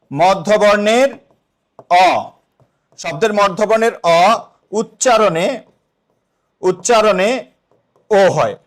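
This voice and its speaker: A young man teaching an exam-prep lesson, asking the students questions and then answering them himself. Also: high-pitched.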